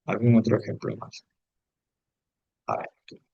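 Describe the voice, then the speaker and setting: A man's voice: fairly low pitch, normal speed, gravelly, slightly rough, dry recording, dull audio. Male teacher, patient and repetitive, dry close sound. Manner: explains step by step, repeats rules, checks in with "¿vale?". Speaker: English teacher. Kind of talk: classroom grammar lesson.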